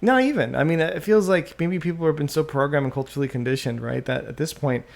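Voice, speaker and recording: Guy with a gravelly voice rambling on his own podcast, keeps trailing off and starting over, desktop mic. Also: on the high side, fast. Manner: musing, trailing off and restarting often. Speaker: podcast host. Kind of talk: rambling solo podcast monologue. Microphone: USB desktop microphone.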